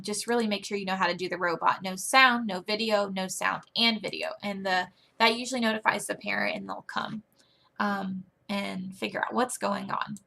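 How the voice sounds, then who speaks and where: Chatty young woman with a gravelly edge. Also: sharp tone. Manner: chatty, demonstrates teacher lines in a high, exaggerated sing-song. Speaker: online English teacher giving a tutorial. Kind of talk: casual screen-recorded tutorial.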